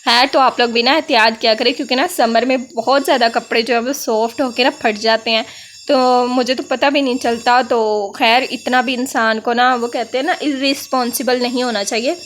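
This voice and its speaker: A woman's voice: fairly high pitch, fairly even intonation, a little fast, a bit bright, slight background noise. A young Pakistani woman with an Urdu accent touched by Punjabi, chatting through a vlog voice-over and stopping often to laugh. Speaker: vlogger. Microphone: voice-over mic.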